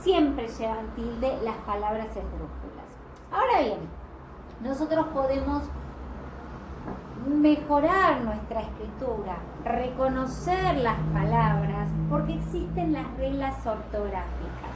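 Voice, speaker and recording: A woman teacher explains a grammar lesson in a patient, measured way, stretching out example words. Her voice sits a little high. The recording rings in an echoey room, with clear noise in the background. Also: lively intonation.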